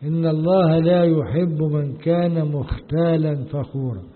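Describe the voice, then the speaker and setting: A man with an Egyptian accent teaching a religious commentary lesson, explaining slowly and posing questions to the audience before answering them. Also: a little high, fairly even intonation. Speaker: sheikh teaching a Quran commentary. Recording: tinny lo-fi sound with long hall reverb.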